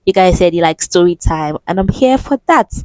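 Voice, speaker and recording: A woman's voice: lowish voice, animated, moderate pace, darkish tone, no echo. A young Nigerian woman in her twenties with a Nigerian accent, telling a storytime on her vlog with sudden exclamations and bits of Pidgin. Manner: switches into Pidgin phrases. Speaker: vlogger.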